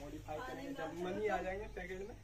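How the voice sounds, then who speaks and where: Fast and high-voiced, a young man chats with his sister as she films him touring a small concrete house with bare rooms and a rooftop. The camera is a few steps away, so the audio is distant and echoey, with a loud crowd in the background.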